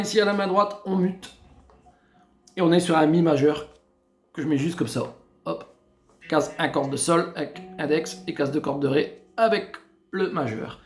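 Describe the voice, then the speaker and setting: A man teaching guitar, explaining chords step by step and counting beats as he plays. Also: fairly high pitch. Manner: slow step-by-step explaining, counting beats and singing snatches while playing. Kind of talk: guitar tutorial. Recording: echoey room with loud guitar.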